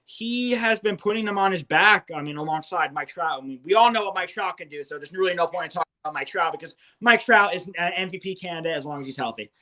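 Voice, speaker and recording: High-voiced young man talking baseball stats. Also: quick pace, few pauses, pushed and bright. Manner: rattles off stats enthusiastically. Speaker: co-host. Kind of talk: fantasy baseball podcast chat.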